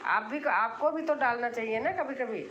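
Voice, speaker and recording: A woman's voice: fairly high pitch, normal speed, a bit bright, roomy sound, muffled recording, a little hiss or hum. A woman from Allahabad, hosting a casual live stream and answering comments in an insistent, repetitive way, explaining herself. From Allahabad, India.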